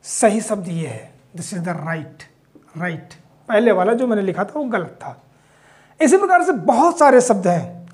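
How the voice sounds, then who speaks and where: In a high-sitting, very animated voice at normal speed, the Hindi spelling teacher explains patiently while writing out words. He frequently asks his class "theek" and weaves in bits of English.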